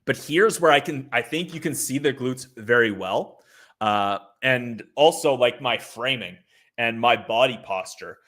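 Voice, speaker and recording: A man's voice: mid-range voice, a little slow, fairly bright tone. A man hosting a casual livestream commentary, chatty and loose, with lots of filler words and laughing asides. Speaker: livestream host. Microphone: streaming setup.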